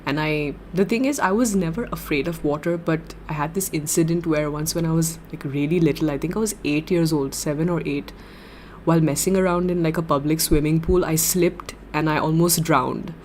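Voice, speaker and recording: A young woman livestreaming, chatting casually with viewers and answering their comments in a giggly, gushing, excitable way. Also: low voice, brisk, slight background noise.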